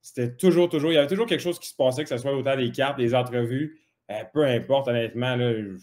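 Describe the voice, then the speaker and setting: A man's voice: mid-range voice, fast talker, darkish tone. A young man with a Québécois French accent, a guest in a casual chat, easygoing and full of fillers.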